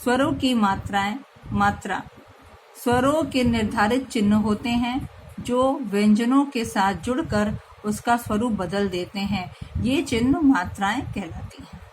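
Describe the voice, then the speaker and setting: A woman teacher giving a slow grammar lesson to young children, patiently spelling out each sound. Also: fairly high pitch, a little hiss or hum, rough recording.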